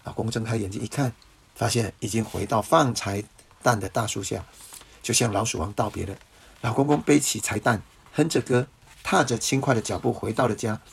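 A man reading a children's story aloud to a child, pausing to ask the listener questions. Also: lowish voice, creaky, slightly rough. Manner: gently asks the listener questions.

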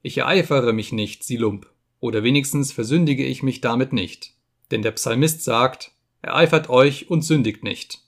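A man's voice: mid-range voice, normal speed, close to an everyday voice. A man voicing a furious old friar who rants and quotes scripture, in an audiobook reading. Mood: enraged. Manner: ranting, quoting scripture.

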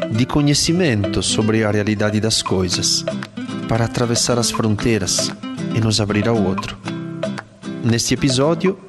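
A man hosting an interview podcast, narrating and asking questions in calm, measured phrases. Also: fairly low pitch.

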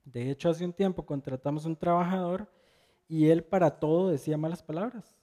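A man's voice: a little high, brisk, dark tone. A middle-aged man preaching a sermon, telling a personal anecdote in a conversational storytelling way with rhetorical questions.

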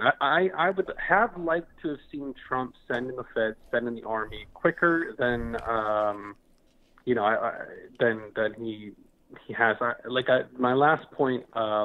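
Stammering male caller over the phone. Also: mid-range voice. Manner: halting, stammering, many restarts. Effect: heard over the phone. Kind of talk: call-in radio talk. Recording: tinny phone line.

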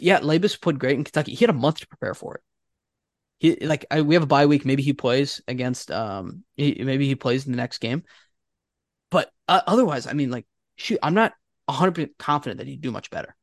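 A man co-hosting a casual sports podcast, ranting with a fan's exasperation and talking in quick bursts full of fillers. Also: medium pitch, no room sound, studio quality. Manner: animated, exasperated fan ranting.

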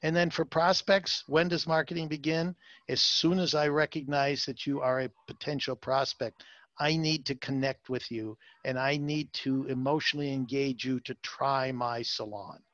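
A man's voice: medium pitch, steady tone, normal speed, a bit bright, no room sound, muffled recording. A man being interviewed as a salon marketing consultant, talking emphatically with many fillers and repeated words. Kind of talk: interview, advice talk.

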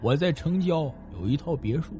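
A man doing a deep, calm old man. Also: soft background music, lightly acted. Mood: calm, commanding. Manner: low, quiet, measured.

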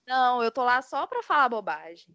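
A woman's voice: on the high side, big pitch swings, normal speed, sharp tone, dry recording, dull audio. A woman with a Brazilian Portuguese accent, a podcast guest, chatting casually in blunt, rambling bursts. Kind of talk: casual chat.

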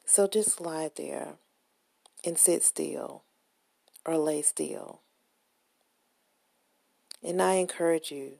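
A woman guides a relaxation meditation at a very slow pace, in a lowish, mellow voice. Her delivery is soft, gentle and soothing, with a breathy, husky grain. She sounds close to the microphone in a dry space. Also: no room sound. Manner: soothing, gentle, unhurried instruction.

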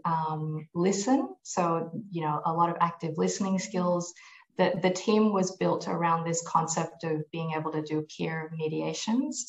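On a podcast, a tax executive raised across Malaysia, the US and New Zealand answers interview questions in a conversational way. Her voice is soft and low-pitched, her thinking audible in frequent ums and restarts, and the recording has a roomy, lo-fi quality.

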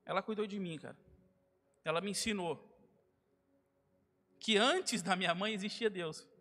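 A man's voice: high voice, unhurried. A young man preaching a sermon in a church hall, casual and familiar, acting out the dialogue in his stories. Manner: casual, addresses listeners as "cara" and "irmão". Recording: long hall reverb, loud music behind. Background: guitar music.

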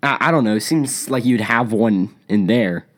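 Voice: mid-range voice, normal speed. A speaker giving casual, incredulous reaction commentary with wry asides over a cartoon.

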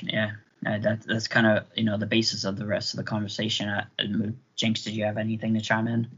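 A young man talking haltingly, with restarts and pauses, in a casual podcast chat. His voice sits a little low and sounds bright and forward. The sound is muffled and lo-fi, as if it comes over an online call. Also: monotone, slightly rough. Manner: hesitant, halting, with many restarts. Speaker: podcast co-host. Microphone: remote call mic. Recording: dull lo-fi call audio.

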